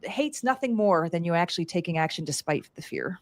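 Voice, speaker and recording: Fast-talking woman explaining with energy. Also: lowish voice. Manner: animated, explanatory, with frequent 'like' and 'you know'. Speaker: guest strategist. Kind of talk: conversational interview.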